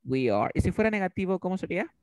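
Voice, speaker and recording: A man's voice: sits high, sing-song, quick pace, a little mellow, dry recording. A man teaching an online English class in Spanish, drilling students with repeated questions. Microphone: video call.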